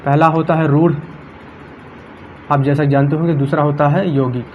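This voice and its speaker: A man's voice: on the high side, steady tone, moderate pace. A man teaching exam grammar in a casual classroom style, repeating each point and walking through the answer options step by step. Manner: repetitive, addresses viewers as friends, walks through options step by step. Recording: dull lo-fi home recording with faint noise.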